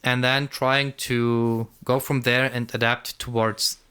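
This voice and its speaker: A man's voice: mid-range voice, flat delivery, takes it slowly, bright, forceful tone, clear, resonant tone. A man co-hosting a casual podcast, rambling and repeating words as he thinks aloud. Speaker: podcast co-host. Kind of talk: casual conversational podcast chat.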